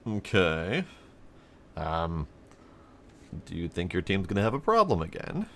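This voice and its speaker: A very low voice with lively, swinging intonation, giving casual gameplay commentary. The streamer is sarcastic and irreverent, with faint game noise behind the voice. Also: unhurried.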